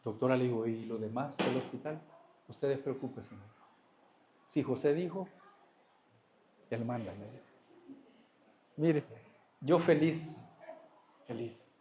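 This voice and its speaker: A man's voice: medium pitch, measured pace, long pauses, background noise. A man giving a church testimony, telling his story and acting out both sides of a conversation. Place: church hall. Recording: echoey church hall.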